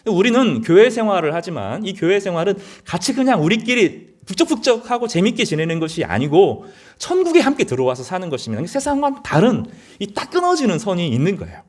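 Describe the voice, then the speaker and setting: Earnest, animated male pastor preaching. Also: sits high, brisk. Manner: earnest, conversational preaching with rising emphatic peaks. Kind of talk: sermon.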